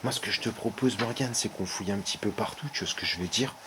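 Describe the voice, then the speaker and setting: A man with a very deep voice talks his way through an abandoned garage in a deadpan, mock-serious tone. He keeps repeating the same stock phrase. The camera mic picks up a loud, constant background noise. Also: quick pace. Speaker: co-host of a parody urban-exploring show. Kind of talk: mock-serious exploration commentary.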